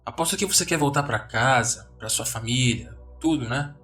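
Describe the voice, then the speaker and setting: A man with a medium-pitched, fairly bright, natural voice, recorded from a distance and speaking at normal speed, voices a jaded man in his thirties. The character mocks newcomers with weary scorn, sneering and world-weary, full of contempt.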